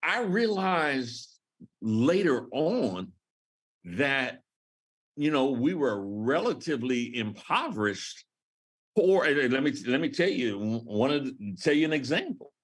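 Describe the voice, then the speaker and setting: An older man from Southern Maryland, a podcast guest, speaking in a slow, halting way with many restarts. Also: medium pitch, sing-song, husky. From Southern Maryland, USA. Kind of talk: interview conversation.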